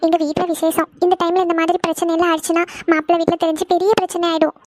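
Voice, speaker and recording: A woman voicing a gentle, tearful young bride-to-be in a cartoon, soft and pleading. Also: extremely high pitch, flat delivery, racing, no room sound, studio quality. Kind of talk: cartoon voice acting.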